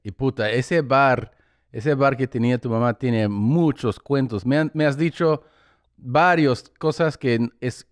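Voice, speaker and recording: A man in his forties hosting a casual interview in a small studio, asking short questions into a boom mic. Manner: asks short questions, quick affirmations. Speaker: podcast host. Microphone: studio podcast mic on a boom.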